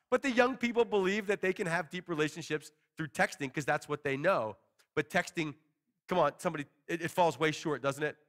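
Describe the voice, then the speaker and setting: A man in his forties preaching to a small congregation from a church stage, teaching conversationally and paraphrasing scripture in everyday words. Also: a little high. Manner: conversational, animated hand gestures, paraphrases scripture casually. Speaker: pastor. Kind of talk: expository sermon.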